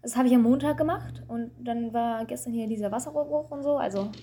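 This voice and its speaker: A woman's voice: a little high, fairly quick, mellow, husky. A woman, a student, chatting casually over a call and telling rambling, self-mocking stories with lots of fillers.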